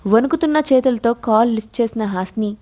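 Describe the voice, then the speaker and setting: Mellow woman narrating a story. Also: a little high, fairly quick.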